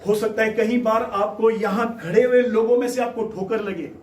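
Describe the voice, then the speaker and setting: A man's voice: high voice, fairly even intonation, normal speed, a little hiss or hum. A man preaching a sermon, calling on the congregation to repeat words after him. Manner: preaches in bursts, cueing the crowd to repeat words. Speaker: pastor. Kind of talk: sermon with call-and-response. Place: large hall, church. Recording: echoey hall, mic far, crowd.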